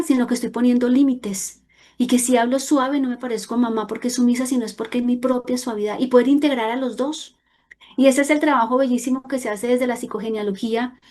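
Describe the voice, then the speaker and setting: A woman's voice: high-pitched, a little mellow. A woman speaking earnestly in a reflective talk about personal growth, stressing points with rising emphasis. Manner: earnest, emphatic, at times raising her voice for stress.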